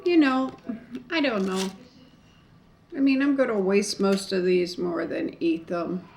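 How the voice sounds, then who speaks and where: A middle-aged woman chatting casually to viewers on an eating show, chewing while talking, in a halting way with pauses. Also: mid-range voice, gravelly, darkish tone. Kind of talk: casual mukbang chat to viewers.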